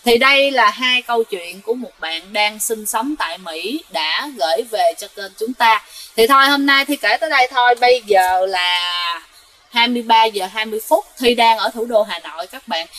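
A woman's voice: a little high, moderate pace, bright, forceful tone, poor audio. A woman, hosting a channel and telling ghost stories in a chatty way, talking straight to her listeners with lots of fillers. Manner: chatty, talks to listeners directly, many fillers. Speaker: ghost story channel host. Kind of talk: casual ghost-story storytelling.

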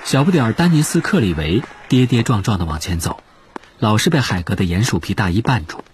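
A man narrating an audiobook in an expressive storytelling manner. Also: fairly low pitch, fairly quick, a little hiss or hum.

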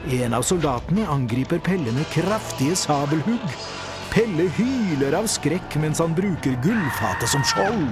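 A man narrating a children's audiobook in a lively storytelling manner. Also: on the high side. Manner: lively storyteller, voices all the characters.

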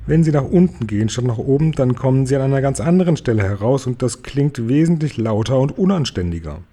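A man's voice: medium pitch, lively intonation, fast talker, mellow, voice pushed up, close to an everyday voice. Man doing a polite little girl. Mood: explaining.

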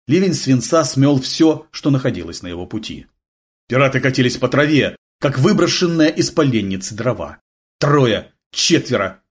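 A man's voice: mid-range voice, slightly rough. A man reading an action novel aloud in a vivid, dramatic storytelling manner. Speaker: audiobook narrator. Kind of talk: expressive audiobook narration.

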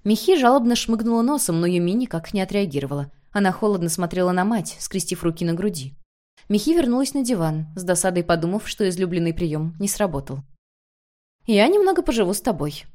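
A woman reading a novel aloud as an audiobook narrator, in measured, even storytelling. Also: lowish voice. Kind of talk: scripted narration.

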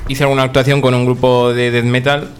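A man's voice: medium pitch, level tone, brisk, slight background noise. A young man, a guitarist, answering casually in a radio interview. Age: young adult.

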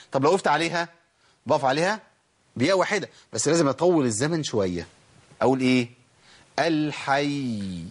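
A man with an Egyptian accent teaching Quran recitation, who asks the class questions, answers them himself, and draws out example words slowly. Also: a little high, breathy edge. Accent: Egyptian Arabic. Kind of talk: tajweed lesson.

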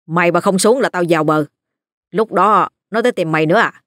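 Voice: mid-range voice, a little fast, fairly bright tone, no echo, clean studio sound, lightly acted. A storyteller voicing a blunt, practical older fisherman. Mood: gruff. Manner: blunt, brusque.

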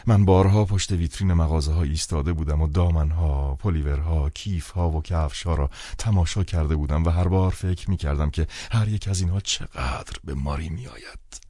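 Male audiobook narrator, calm, measured, very low pitch, dark tone, dry close sound. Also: no room sound. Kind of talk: scripted narration.

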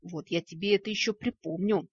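A snide, spiteful little brain voice hisses sarcastic remarks, as a woman reading the story puts it on. Husky and breathy, with a dull, lo-fi sound. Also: on the low side, fairly even intonation, brisk. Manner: hissing, sarcastic.

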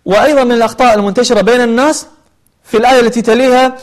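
A man teaching a tajweed lesson, explaining recitation rules and then chanting verses slowly with long drawn-out vowels. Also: extremely high pitch, fairly even intonation.

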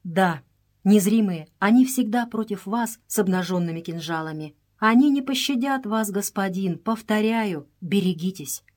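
A woman's voice: mid-range voice, moderate pace, darkish tone, natural voice. A woman voicing a wounded boy servant who speaks weakly and earnestly, pleading and warning, in a read-aloud story.

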